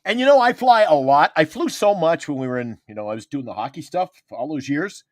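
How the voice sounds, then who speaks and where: Man, co-host, high lively voice, dry close sound, joking storyteller. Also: quick pace, no echo. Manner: animated storyteller, joking, acts out quotes. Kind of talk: casual sports talk chat.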